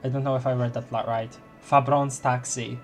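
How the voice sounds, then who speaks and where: A man streaming a game with casual live commentary, reacting and reading on-screen text aloud in a halting way. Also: medium pitch, flat delivery, soft background music.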